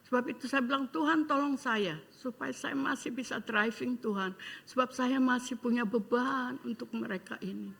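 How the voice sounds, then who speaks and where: A woman's voice: fairly high pitch, normal speed, gravelly, fairly bright tone, breathy edge. Older woman pastor giving emotional testimony. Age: 80s. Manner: emotional, fervent, pleading in prayer; hesitant fillers, mixes in English words. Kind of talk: sermon testimony.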